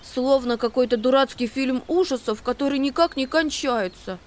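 A reader voicing a restless, easily frightened little boy mouse who is afraid of heights, in an audiobook. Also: natural voice. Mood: fretful. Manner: excitable, high and quick to complain. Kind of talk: audiobook character voice.

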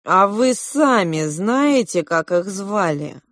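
A woman voicing a bossy, impatient young prince who speaks loudly and commandingly. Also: medium pitch, lively intonation, takes it slowly, no room sound, studio quality. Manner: commanding, loud.

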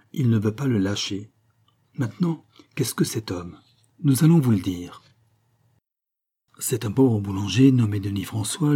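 A man reading a classic novel aloud in a dramatic, measured narration. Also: on the low side, dark tone, husky. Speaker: audiobook reader.

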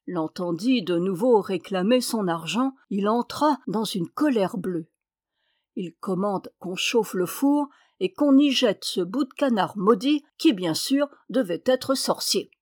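A woman's voice: medium pitch, dry recording, clean studio sound. Woman reading a fairy tale aloud. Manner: lively expressive reading. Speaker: storyteller.

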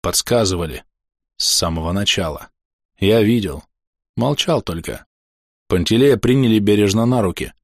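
A man reads a first-person audiobook in a low, even voice, measured and dramatic. The sound is dry and close, with no room around it. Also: dry recording. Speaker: audiobook narrator. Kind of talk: scripted narration.

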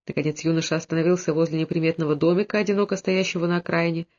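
A man reading a historical novel aloud in steady storytelling narration, dropping his voice lower for the characters' lines. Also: racing, lo-fi sound. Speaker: audiobook narrator. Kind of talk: scripted narration.

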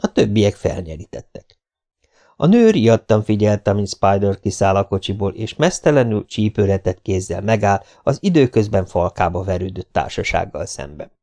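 Gravelly low-voiced male audiobook narrator. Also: big pitch swings, dark tone. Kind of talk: audiobook reading.

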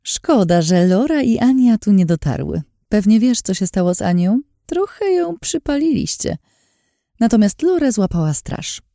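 A woman's voice: medium pitch, sing-song, normal speed, gravelly, warm tone, no room sound, clean studio sound, pitched above the performer's own voice. A woman voicing a scheming, mocking woman in an audiobook, smug and threatening, in a taunting sing-song way.

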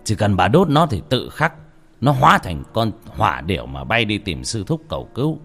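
A stern, resigned old exorcist speaks in a low, grave, matter-of-fact voice, as the male narrator plays him. His pitch still moves a lot. Faint music sits under the tale. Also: big pitch swings, normal speed, vocal fry, a bit bright, heavily acted.

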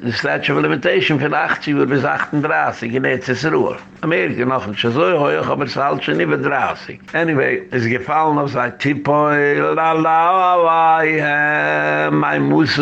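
Man, rabbi, rambling lecture, gravelly voice, muffled lo-fi sound. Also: fairly high pitch, fairly bright tone. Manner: rambling storytelling mixed with English phrases. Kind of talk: community lecture. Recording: dull lo-fi recording.

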